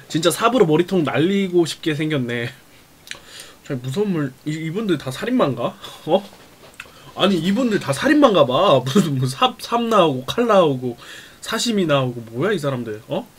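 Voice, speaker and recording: A man's voice: a little high, slight background noise. A young man live-streaming a meal, reacting to viewer chat with teasing, laughing remarks and muttering between bites. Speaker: mukbang streamer.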